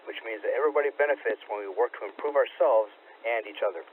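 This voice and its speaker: A man running a radio training net, giving steady, procedural instructions over an amateur radio transmission with static. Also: mid-range voice. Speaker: net control operator. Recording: tinny radio receiver, faint static.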